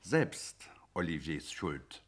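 An actor playing a courteous, high-ranking magistrate in a radio play, speaking formally. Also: male voice, big pitch swings, very slow, breathy edge, exaggerated voice. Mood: grave courtesy. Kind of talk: German radio play acting.

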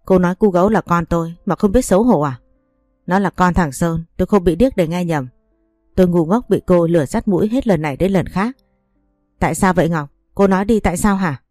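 Brief: a woman reading as a furious scolding husband, mellow low voice, dry sound. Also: brisk, dry recording, soft background music, close to an everyday voice. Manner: scolding, cursing. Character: furious young husband, bitter and harsh.

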